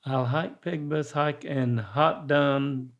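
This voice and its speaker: A man's voice: fairly high pitch, fairly even intonation, takes it slowly, highs cut off. A man chatting casually and hesitantly sounding out phrases in a word-guessing game.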